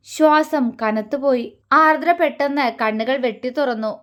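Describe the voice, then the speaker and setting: A woman reads a romantic audio series aloud, soft and measured as she narrates. Her voice sits noticeably high. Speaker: storyteller. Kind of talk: scripted narration.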